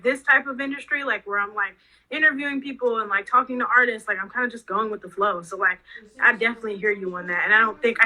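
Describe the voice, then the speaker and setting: A woman's voice: on the high side, pushed and bright, low-quality recording. A young woman hosting a casual podcast interview, rambling loosely with lots of "like". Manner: rambling, heavy use of "like". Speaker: podcast host.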